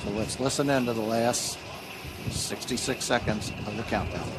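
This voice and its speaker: A man's voice: lowish voice, normal speed, very noisy. A man giving live launch commentary as a webcast commentator, explaining in a technical way.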